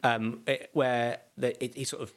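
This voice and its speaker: A man's voice: mid-range voice, level tone, measured pace. A man hosting a podcast, chatting casually and thinking aloud with lots of restarts. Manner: rambling, thinks aloud with many restarts and fillers. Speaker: podcast host.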